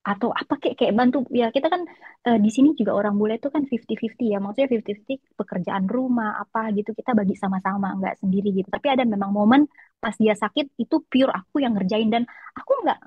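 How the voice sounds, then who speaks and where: A woman's voice: fairly high pitch, fast talker, husky, no room sound, phone-quality sound. A woman guest on a podcast, earnestly telling a personal story in a rambling way with many fillers. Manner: earnest, rambling, full of fillers, often quotes others. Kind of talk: candid personal storytelling in conversation.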